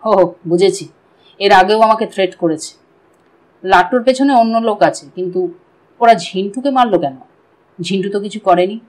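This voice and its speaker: A woman voicing a tough injured young man in an audiobook, speaking low, curt and matter-of-fact. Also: normal speed, long pauses, a little mellow, lightly acted, low-quality recording. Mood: grim.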